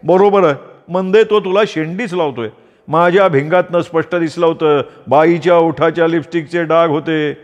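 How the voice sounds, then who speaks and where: A man's voice: fairly high pitch, fairly even intonation, normal speed, highs cut off, pitched above the performer's own voice, close to an everyday voice. A meddling old neighbour nags and accuses in a raised, pointed voice, as a male storyteller plays him. The sound carries a long hall echo. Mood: accusing. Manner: scolding, needling, mock-righteous. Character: nosy meddling old man neighbour, sharp-tongued.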